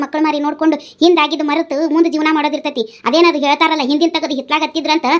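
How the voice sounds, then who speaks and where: A woman's voice: sits high, close to an everyday voice. A woman voicing an older widowed village mother who scolds and pleads with her drinking son, in a North Karnataka Kannada accent. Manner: nagging, pleading, tearful.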